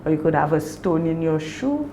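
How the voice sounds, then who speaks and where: A woman clinician explains things to a patient. Her voice is low, mellow and creaky, and her manner is instructive. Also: sing-song, moderate pace, a little hiss or hum. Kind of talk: patient consultation. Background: faint music.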